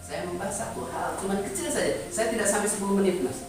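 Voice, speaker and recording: Male preacher, emphatic teaching tone, slightly high voice, far from the mic, boomy hall, music underneath. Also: quick pace. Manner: emphatic, addresses listeners directly. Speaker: Islamic preacher teaching sermon delivery. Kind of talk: instructional talk to trainees. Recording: echoey room, distant mic, music behind.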